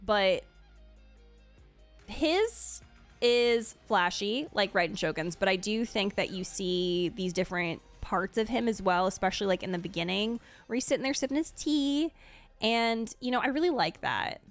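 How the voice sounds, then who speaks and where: Over soft background music, a streamer and video host with a medium-pitched, expressive voice reacts to items in a ranking at a normal pace. Her manner is casual and giggly, gushing with enthusiasm.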